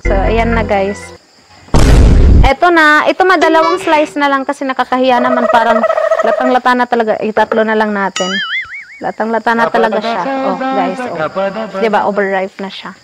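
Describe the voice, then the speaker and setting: A woman's voice: a little high, moderate pace, loud music behind the voice. A young woman vlogging while she cooks on a family farm, chatting casually and slipping in playful jokes. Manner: playful teasing, frequent joking asides. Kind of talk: casual cooking vlog. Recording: loud insect and cricket noise.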